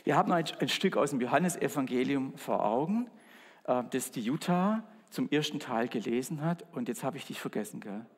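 A man with a husky voice preaches to his congregation in a casual, chatty way. His voice carries a long church reverb. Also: medium pitch, expressive, a little fast. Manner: chatty, addresses the congregation directly. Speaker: pastor. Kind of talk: sermon.

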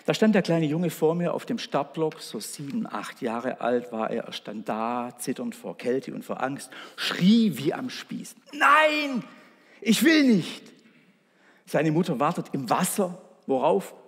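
A man's voice: medium pitch, unhurried, few pauses, darkish tone, breathy edge, long reverb tail. A man preaching a sermon, earnest and storytelling, speaking directly to his congregation.

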